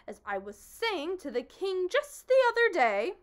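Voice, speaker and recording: A woman's voice: very high-pitched, huge pitch swings, unhurried, voice pushed up, heavily acted. A woman doing a pompous blustering humbug. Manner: blustering, grandiose, loud. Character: pompous boastful old male humbug bug.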